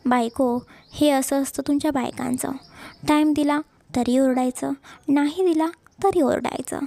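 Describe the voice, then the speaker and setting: A woman's voice: high voice, measured pace, creaky, warm tone, no room sound. A woman voicing a playful, doting young husband in a romance story. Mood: teasing. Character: young husband, teasing and affectionate.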